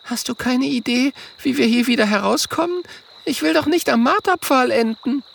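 A man's voice: extremely high pitch, a little slow, creaky, slight background noise, pitched above the performer's own voice, heavily acted. A man voicing a frightened young female porcupine who trembles and stammers, in a storybook reading. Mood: anxious.

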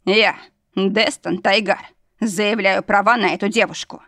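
A woman voicing an arrogant male demon lord who talks gruffly, commanding and smirking. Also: mid-range voice, steady tone, a little slow, fairly bright tone, dry recording, clean studio sound. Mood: smug.

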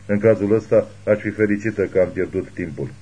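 A man voicing a caring young woman who tends a wounded man with quick, practical questions. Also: lowish voice, dark tone, slightly rough, muffled recording. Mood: urgent, caring.

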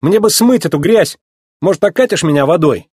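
A man voicing a brash, impatient young male race car who shouts indignantly. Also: a little high, expressive, fairly quick, breathy edge, no echo, studio quality, pitched above the performer's own voice. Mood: whiny.

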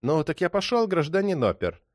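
A man's voice: on the high side, very animated, fairly quick, dry recording, studio quality, voice pushed up. A man voicing a cheeky small-time thief who talks in an ingratiating, playful way. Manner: ingratiating, hoarse-voiced, playful.

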